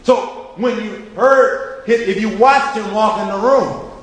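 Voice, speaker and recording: A man's voice: high-pitched, slow, a bit bright. A man, a teacher and ministry student, giving an emphatic preacherly address to an audience, repeating phrases for rhythm. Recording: echoey hall with long reverb.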